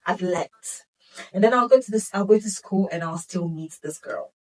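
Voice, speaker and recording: Animated young woman telling a storytime. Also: mid-range voice, fairly quick, far from the mic, low-quality recording. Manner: animated, laughing, swings between whispers and exclamations. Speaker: vlogger. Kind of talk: casual storytime.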